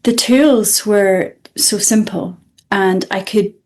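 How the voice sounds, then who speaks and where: A woman's voice: medium pitch, slow, darkish tone. A woman from Scotland with a Scottish accent, a guest speaking earnestly and reflectively in an interview, often restarting her sentences. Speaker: guest, student of the program. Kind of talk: interview conversation.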